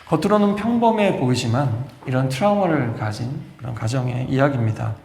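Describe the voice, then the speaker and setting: A man's voice: medium pitch, expressive, brisk, gravelly, a little mellow. A male pastor delivering an emphatic storytelling sermon, acting out quoted lines as he goes. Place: church sanctuary. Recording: echoey church hall with long reverb.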